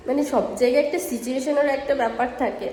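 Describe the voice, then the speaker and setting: A woman with a hoarse voice from a cold, vlogging casually and coaxing a toddler in sing-song baby talk at an indoor play area. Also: high voice, very fast, a little mellow. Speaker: vlogger and mother. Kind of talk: casual vlog narration and talking to a toddler. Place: indoor play zone in a housing society. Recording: echoey hall with faint noise.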